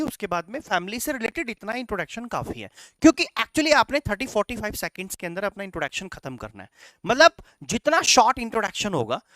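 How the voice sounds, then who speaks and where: Lively, expressive male teacher giving a lecture. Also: sits high, no echo, clean studio sound. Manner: instructive, repeats "right?" and "चलेगा" to check in; mixes English phrases into Hindi. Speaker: coaching teacher. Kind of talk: classroom lecture.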